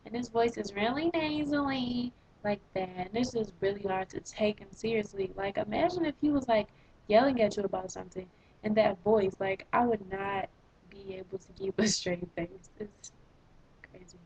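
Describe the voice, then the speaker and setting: A teenage girl in eleventh grade ranting in a casual vlog, sarcastic and exasperated, with a slightly husky voice. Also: medium pitch, moderate pace, low-quality recording. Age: teens. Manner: exasperated, sarcastic, animated complaining. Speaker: vlogger.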